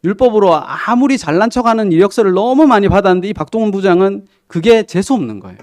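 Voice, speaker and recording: Speaking fast with lively intonation, this pastor has a high-pitched, slightly mellow voice and no room sound. In the church sanctuary he preaches in a conversational storytelling way, retelling a TV drama with quoted lines and putting questions to the congregation.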